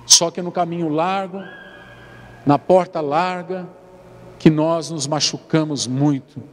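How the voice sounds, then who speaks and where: A Brazilian man preaches an evening sermon in a church sanctuary. His voice sits fairly high, and he calls out questions for the congregation to answer. His words ring with a long hall reverb over a faint background hiss. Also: steady tone, slow. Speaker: pastor.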